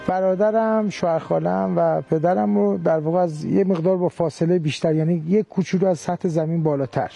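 Male guest, high and gravelly, hesitant testimony. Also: fairly even intonation, warm tone, faint music behind. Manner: hesitant, measured, with many pauses and fillers. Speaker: guest recounting a near-death experience. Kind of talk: interview testimony.

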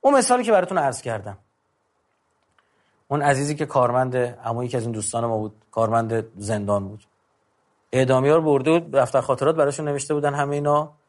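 A middle-aged man giving an informal, conversational lecture, going through numbered tips with emphasis. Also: mid-range voice. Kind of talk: informal talk on controlling anger.

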